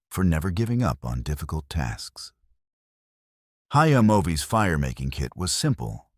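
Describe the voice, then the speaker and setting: A man narrating a scripted frontier story in a measured, even way. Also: deep voice, no room sound, clean studio sound.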